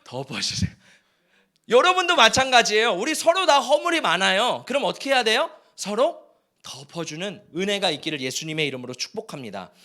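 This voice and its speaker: A male pastor giving an animated Friday-night sermon in a church, joking with the congregation and calling for amens. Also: high voice, a little fast. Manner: animated, jokes and calls for amen. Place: church sanctuary.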